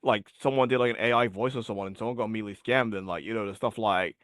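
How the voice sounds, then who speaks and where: A man's voice: lowish voice, very fast, a bit bright, dry recording, clean studio sound. A man as an interview guest, chatting casually and rambling with lots of filler words, his voice getting worn. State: losing his voice. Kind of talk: casual chat.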